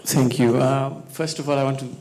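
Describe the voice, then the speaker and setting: A man from Spain talks as a scholar on a discussion panel. He hedges and fills his sentences with hesitations, then grows more animated. His voice sits at an ordinary middle pitch. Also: moderate pace, background noise. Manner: hesitant with many fillers, growing animated. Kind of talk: conversational talk on stage. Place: talk venue stage.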